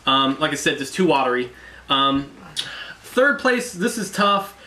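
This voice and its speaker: A man's voice: on the high side, very animated, a little slow, sharp tone. A man hosting a casual food challenge web show, speaking in a wordy, mock-formal way. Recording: clearly noisy background.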